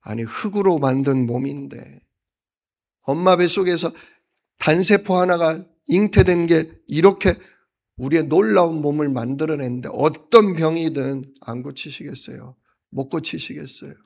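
A male pastor preaching a sermon, acting out quoted lines with sudden loud outbursts and then dropping to a soft voice. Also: a little high, moderate pace, creaky. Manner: dramatic, acts out quotes with sudden loud bursts.

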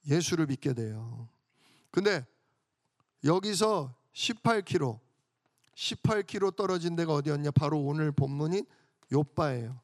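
A man's voice: high-pitched, no echo, clean studio sound. A male pastor preaching a storytelling sermon who keeps asking his congregation questions and answering them himself. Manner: storytelling, emphatic.

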